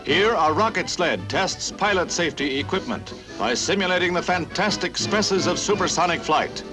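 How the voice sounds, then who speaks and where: A 1950s newsreel announcer, a man with a slightly high voice, delivering each line in a brisk, punchy style. Loud music plays under his narration throughout. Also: expressive, low-quality recording. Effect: old newsreel recording.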